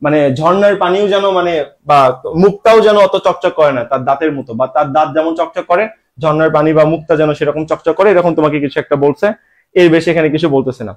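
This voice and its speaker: Man, fast-talking, fairly high voice, teasing teacher, quizzes and answers himself, Bangladeshi Bengali accent. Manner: teasing, calls students kids, asks and answers his own questions. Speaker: English teacher. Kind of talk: online admission-exam lesson.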